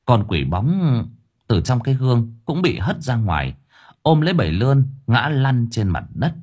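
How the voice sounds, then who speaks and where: A man narrating a ghost story audiobook in a vivid, expressive way. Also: mid-range voice, moderate pace, husky.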